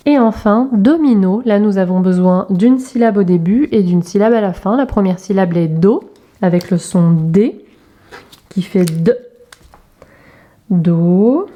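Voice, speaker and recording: A woman teacher, talking young pupils through an exercise in a remote lesson video, spelling out sounds and letters slowly and carefully. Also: medium pitch, warm tone, muffled recording. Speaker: primary school teacher.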